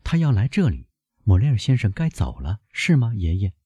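A man's voice: lowish voice, wildly swooping pitch, normal speed, mellow, slightly rough, no echo, studio quality, exaggerated voice. A man voicing an anxious young woman, a devoted granddaughter, who calls out urgently and pleads. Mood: gentle.

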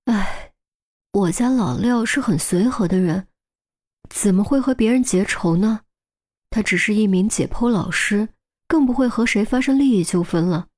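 A woman voicing a grieving, guarded widow in her thirties who speaks softly. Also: mid-range voice, moderate pace, natural voice. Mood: sorrowful. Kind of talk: audiobook character voice.

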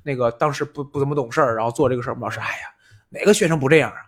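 A man's voice: racing, husky. A man, chatting as a podcast host and telling school stories, acting out the quotes he tells. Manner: animated storyteller, acts out quotes with big pitch jumps. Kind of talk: casual chat, storytelling.

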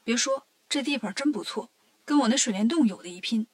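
A woman voicing a cheeky, clever male monkey king in a storybook reading, talking in a brisk, joking way. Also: a little high, expressive.

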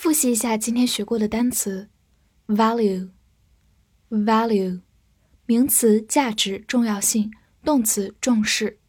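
A woman teaching English vocabulary, spelling words out letter by letter and repeating them slowly. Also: a little high, a little mellow, slightly rough, no echo, clean studio sound. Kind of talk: explanatory vocabulary lesson.

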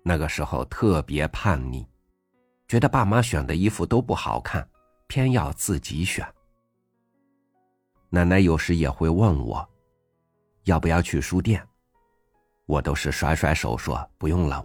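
A man with an extremely deep, low voice reads a first-person essay in a gentle, reflective manner. His voice is close and dry, recorded on a studio mic. Soft music plays faintly behind him. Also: lively intonation, measured pace, pauses often, no room sound. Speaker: audiobook host reading an essay. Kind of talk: scripted narration.

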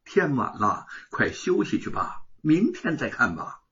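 A man's voice: medium pitch, sing-song, a little slow, fairly bright tone, slightly rough, lo-fi sound, full character voice. A male storyteller voicing a bold, loving mother, firm and scornful toward her enemies, in a storytelling performance. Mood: tender.

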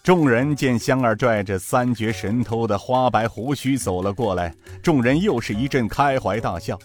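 A man narrating a serialized martial-arts story in an expressive, animated way. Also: medium pitch, moderate pace, faint music behind.

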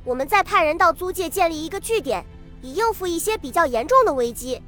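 Woman narrator voicing a firm, decisive male official, high bright read, faint music behind. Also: lively intonation, brisk. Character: middle-aged male Chinese official, calm and decisive.

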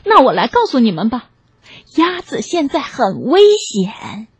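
A woman's voice: fairly high pitch, huge pitch swings, measured pace, slightly rough, dry recording, full character voice. A woman voicing a clever, self-satisfied male owl in a children's story, speaking in a proud, knowing way.

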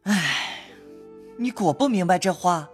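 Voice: mid-range voice, lively intonation, slow pace, faint music behind. A voice actor playing an earnest, impulsive young nobleman who speaks in a pleading way, in an audio drama.

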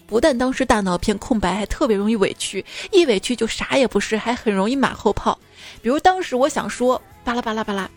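Playful, fairly high-voiced woman host. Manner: playful, teasing, laughs often. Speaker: radio host. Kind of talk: scripted comic monologue.

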